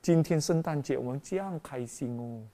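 A man with a fairly high, warm voice preaches a Christmas sermon at a moderate pace. He makes emotional, dramatic exclamations, often calling out to the congregation as brothers and sisters.

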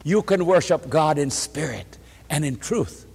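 A male preacher voicing a gentle, kindly teacher in a soft, hushed tone, in a hall with long reverb. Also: a little high, expressive, a little slow, gravelly, husky, full character voice.

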